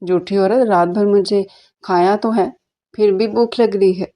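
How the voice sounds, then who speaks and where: Drowsy cheeky young husband voiced by a woman, mellow low voice, lazy teasing. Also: steady tone, lightly acted. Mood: sleepy teasing. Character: sleepy mischievous young husband.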